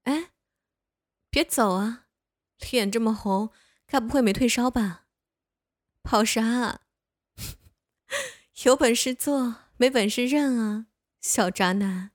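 A woman's voice: a little high, slow pace, long pauses, no room sound, studio quality. A young woman voicing a bossy but caring older neighbor woman who scolds and coaxes the listener in a one-sided audio role-play. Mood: teasing. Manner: playful scolding, coaxing.

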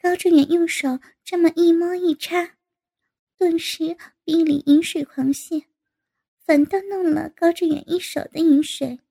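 A woman narrating an erotic audio story in a steady storytelling manner. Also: extremely high pitch, measured pace, vocal fry.

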